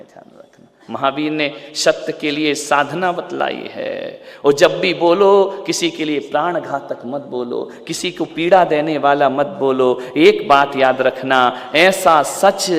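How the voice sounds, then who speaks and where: Preacher, male, higher-pitched voice, hushed asides and shouted peaks, long hall echo. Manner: asks the listeners direct questions. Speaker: Jain monk preacher. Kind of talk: sermon to a live audience.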